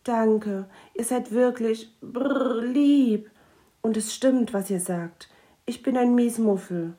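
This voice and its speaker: A woman's voice: mid-range voice, dark tone, voice pushed up, close to an everyday voice. A woman voicing a small, timid male Christmas imp who speaks in an anxious, whimpering way.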